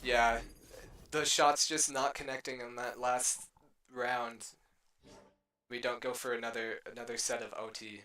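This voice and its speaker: A man's voice: medium pitch, level tone, a little slow, bright, forceful tone. A man casting and discussing a competitive video game match as a live commentator. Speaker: esports match caster and interviewer.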